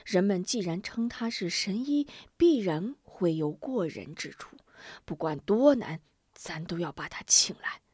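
A woman voicing a grave martial teacher and healer, speaking low and deliberately. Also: lively intonation, a little mellow, slightly rough, no echo, studio quality. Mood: urgent.

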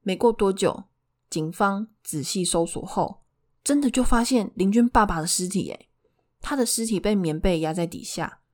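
A woman's voice: medium pitch, a little mellow. A woman with a Taiwanese Mandarin accent telling true crime in a conversational way as a narrator, putting questions to her listeners. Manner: poses rhetorical questions to listeners.

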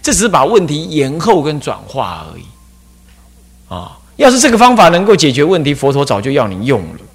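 Animated abbot. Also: male voice, a little high, brisk, breathy edge. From Taiwan. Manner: animated storytelling with rhetorical questions. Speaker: abbot and dharma teacher. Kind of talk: Buddhist dharma talk.

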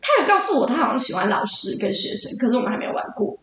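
A woman's voice: a little high, very animated, rapid-fire, fairly bright tone. A woman co-hosting a casual podcast chat, giggly, acting out quoted lines with dramatic flair. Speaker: podcast co-host. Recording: echoey room, distant mic, noisy.

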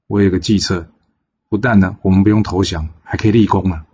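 Blunt, scheming commander from a storybook, a man reading him, low voice, lo-fi. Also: fairly even intonation, a little fast, darkish tone, natural voice. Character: scheming, hot-tempered male commander.

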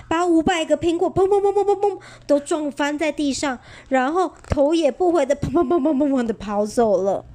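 High-voiced woman reading a bedtime story. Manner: gentle, expressive storytelling.

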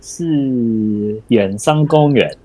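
A man's voice: medium pitch, extremely slow, a crowd in the background. A man from Japan with a Japanese accent hosting a casual podcast in his second language, often searching for words. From Osaka, Japan. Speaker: podcast host.

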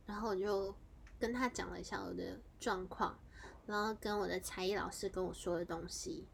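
A woman's voice: normal speed, creaky, a little hiss or hum. Chatty woman telling a story. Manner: animated, jumps into high excited exclamations; chatty, strings clauses with fillers. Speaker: podcast host. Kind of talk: casual storytelling monologue.

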